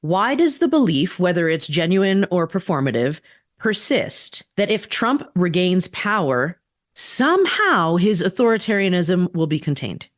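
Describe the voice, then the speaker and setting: Woman co-host, lower voice, pressing rhetorical questions in casual chat. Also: very animated, no room sound, clean studio sound. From daughter of immigrants. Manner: emphatic, quick asides, rhetorical questions. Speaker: podcast co-host.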